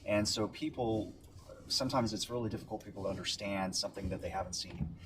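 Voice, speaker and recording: A man with a fairly low voice gives a live field report on storm damage. He explains as he goes, often restarting and repeating phrases. He sounds some way from the microphone, outdoors with clear noise around him. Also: fast. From Tampa Bay area, Florida. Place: outdoors near flooded coastal neighborhood. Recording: distant mic with loud outdoor noise.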